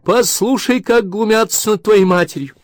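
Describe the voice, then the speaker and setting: A shrill, scolding wife in her forties, put on by a male reader, her voice pushed far up and loud. The audiobook recording is dry and close. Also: moderate pace, no room sound, close to an everyday voice. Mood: shrieking. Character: shrill furious middle-aged wife.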